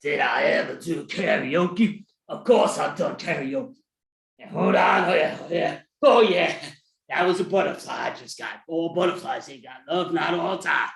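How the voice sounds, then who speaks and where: A performer putting on a laid-back, slangy Cupid voice, drifting into quiet asides, recorded in an echoey room. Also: medium pitch, unhurried, gravelly. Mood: boastful. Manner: drawls slangy lines, trails off into quiet asides. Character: smooth low-talking Cupid, laid-back love god.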